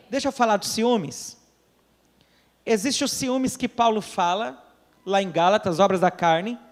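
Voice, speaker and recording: A pastor from Brazil preaching a sermon, telling a story and acting out the people in it, with questions to the congregation. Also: male voice, high voice, darkish tone, big-room sound. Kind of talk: sermon with acted dialogue. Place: church during a service.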